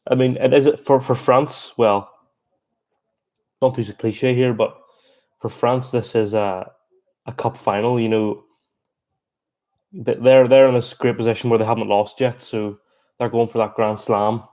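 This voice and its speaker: A man giving chatty, excitable live reaction commentary on a rugby match, breaking into exclamations. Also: medium pitch, a little slow, pauses often. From Ireland. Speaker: sports reaction streamer.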